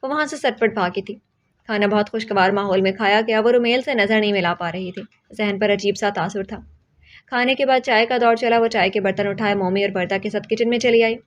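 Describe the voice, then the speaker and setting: A woman narrating a novel aloud in a steady storytelling manner. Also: mid-range voice. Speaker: audiobook narrator. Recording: dull lo-fi audio.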